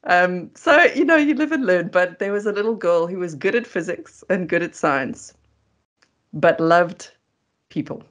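On a remote video call, a middle-aged South African woman who works as a food coach chats as an interview guest, telling casual stories with self-deprecating humour. Her voice is fairly low and she speaks a little slowly.

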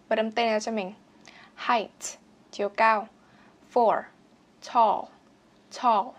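A young woman with a slightly high voice runs a bilingual vocabulary lesson. She says each English word slowly, repeats it several times for practice, and explains it in Vietnamese. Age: young adult. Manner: repeats words slowly and clearly for drilling. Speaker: English teacher.

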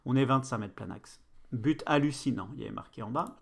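A man streaming a football management game, commenting casually and excitably with bursts of play-by-play and swearing. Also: mid-range voice, a little fast, vocal fry, husky.

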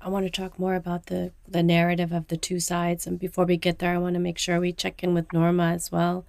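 A woman hosting a podcast interview, gentle and sympathetic with her guests. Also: fairly low pitch, completely flat delivery, fairly quick, vocal fry, dry recording, clean studio sound. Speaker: podcast host.

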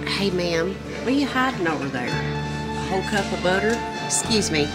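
A woman's voice: on the low side, big pitch swings, moderate pace, over loud music. A woman, a mother chatting casually in a family vlog and talking sweetly to her small daughter.

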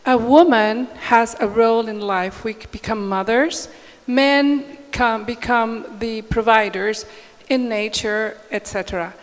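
A woman's voice: fairly high pitch, fairly even intonation, unhurried. A woman speaking as a panelist on a conference stage, upbeat and emphatic, into a handheld mic. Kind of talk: panel discussion answer. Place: large conference hall stage. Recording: reverberant hall.

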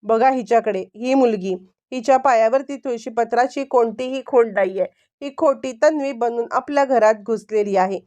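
A woman's voice: on the high side, moderate pace, mellow, natural voice. A furious young husband who accuses his wife and demands the truth, as a woman narrator reads his lines. The lines are read firmly and insistently in this storybook-style retelling. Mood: angry.

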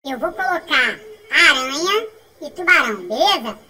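Very high, bright Brazilian woman gamer. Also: moderate pace, distant mic. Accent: Brazilian Portuguese. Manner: excitable, chatty, repeats phrases, frequent laughs and shouts. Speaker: gaming channel host. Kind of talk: mobile game commentary.

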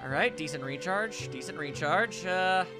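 Let's play host, mid-range voice with lively swings, wry casual commentary over clear game music. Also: mid-range voice, normal speed. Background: video game music.

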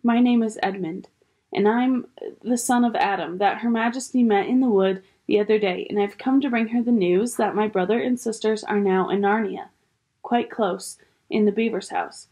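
A woman's voice: mid-range voice, normal speed, dark tone, lightly acted. A woman voicing a frightened young boy in a storybook reading, timid and eager to please.

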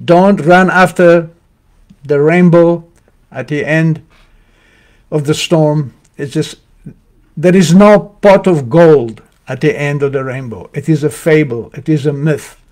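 A man's voice: a little high, darkish tone. An older man giving an earnest, emphatic sermon on scripture, speaking from his living room into a webcam. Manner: earnest, emphatic preaching with measured pauses. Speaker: spiritual teacher.

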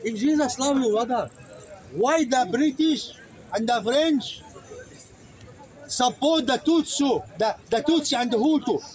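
A man preaching fiercely to an open-air crowd in halting non-native English, calling his listeners "brother" and searching aloud for words. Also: very high voice, darkish tone, low-quality recording. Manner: fiery, emphatic, calls listeners "brother". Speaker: street speaker debating a crowd. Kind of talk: open-air soapbox debate. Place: outdoor public speaking area in a city. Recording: outdoor crowd noise. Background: crowd of listeners around him.

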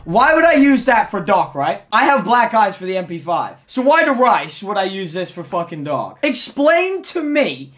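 A young man giving loud, crude, excitable commentary while opening packs in a game, swearing often. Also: sits high, moderate pace, few pauses. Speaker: gaming YouTuber.

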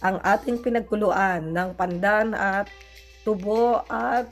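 Woman, Filipino accent, casual vlog chatter, recovering from flu, soft music in background. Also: medium pitch, takes it slowly. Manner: chatty, addresses viewers as guys. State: sick with flu, voice changed. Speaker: vlogger. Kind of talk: casual cooking and gardening vlog.

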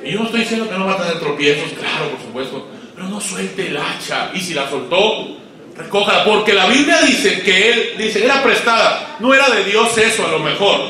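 A man preaching a sermon to pastors, swinging between loud emphatic peaks and low quiet asides and asking the audience questions. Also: expressive, a little fast, slight background noise. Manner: asks the audience questions and waits for replies. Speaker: guest pastor. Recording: echoey hall, voice far from mic.

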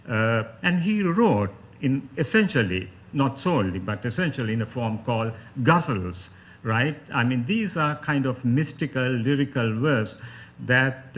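A man with a Sri Lankan accent giving an academic talk as a panelist, in a scholarly, explanatory manner. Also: mid-range voice. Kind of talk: spoken academic lecture. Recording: dull, lo-fi talk recording.

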